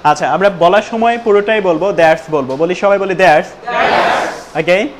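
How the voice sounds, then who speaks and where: A man teaching a spoken English class, prompting students again and again and slowing right down to model each sentence. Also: high-pitched. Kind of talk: classroom lesson with call-and-response drills. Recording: loud room noise and class chatter. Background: students answering in chorus.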